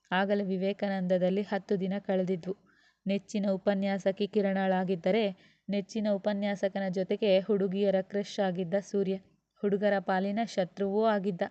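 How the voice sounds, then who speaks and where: A woman narrating a scripted story in a measured reading manner. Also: medium pitch, mellow, no room sound. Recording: dull, muffled recording.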